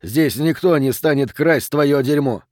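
A man's voice: medium pitch, normal speed, darkish tone, dry recording, clean studio sound, lightly acted. A man voicing a weary male police lieutenant who speaks in a blunt, exasperated way. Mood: gruff.

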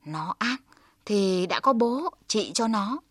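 A woman's voice: mid-range voice, lively intonation, slow pace, no echo, clean studio sound. A woman voicing a tiger who acts as a caring father, in a stern, protective storybook voice.

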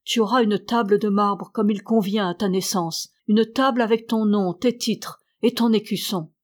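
An earnest young sergeant, full of grief and quick to hope. A woman reads him in a storybook audiobook. The voice stays in a middling pitch. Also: natural voice. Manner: earnest, emotional. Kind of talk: audiobook reading.

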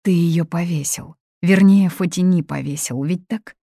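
A woman's voice: lowish voice, unhurried, warm tone, no room sound, studio quality, pitched above the performer's own voice. A woman voicing a fearless young woman who speaks hard and cutting as she confronts a family. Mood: cold, firm.

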